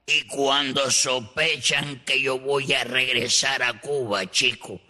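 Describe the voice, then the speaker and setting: A man voicing a sly trickster who drags out every slow, word-mangling wisecrack in a bright, sharp voice. The radio comedy sketch rings with long reverb. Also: mid-range voice, fairly even intonation. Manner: mispronounces words, slow drawling wisecracks. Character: sly bumbling male rogue who mangles words. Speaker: defendant in a comic court.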